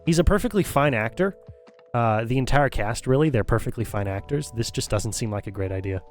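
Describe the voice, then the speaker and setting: A man's voice: medium pitch, expressive, fairly quick, darkish tone, faint music behind. Opinionated male streamer ranting casually. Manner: repeats and restarts phrases while thinking. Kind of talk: casual livestream commentary.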